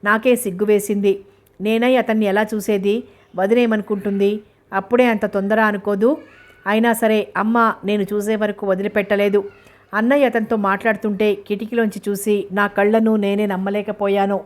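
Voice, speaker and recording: A woman narrating a novel in a steady, even reading manner. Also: mid-range voice, normal speed.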